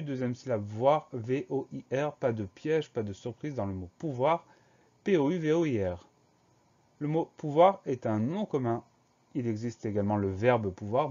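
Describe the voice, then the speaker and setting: Man spelling words out slowly. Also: medium pitch, warm tone, dull audio. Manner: slow, careful letter-by-letter dictation. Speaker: teacher. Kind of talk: spelling lesson.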